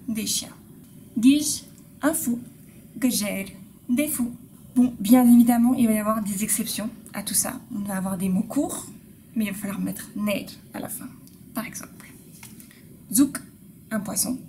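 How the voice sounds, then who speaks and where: A woman's voice: medium pitch, warm tone, slight background noise. A woman teaching a casual video language lesson, patiently repeating example words and talking straight to her viewers. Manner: friendly direct address to viewers.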